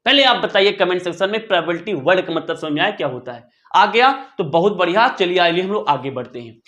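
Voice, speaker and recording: A man's voice: sits high, expressive, quick pace, a bit bright, dull audio. A man with an Indian accent teaching maths informally to school students online, repeating phrases, coaxing attention and often checking understanding with questions. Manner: addresses listeners familiarly, coaxing attention.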